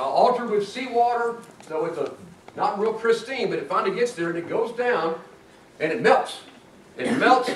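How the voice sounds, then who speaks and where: A man giving a lively, playful university geology lecture to students in a lecture room. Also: high voice, slight background noise. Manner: animated, playful, talks to students. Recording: echoey room from far off.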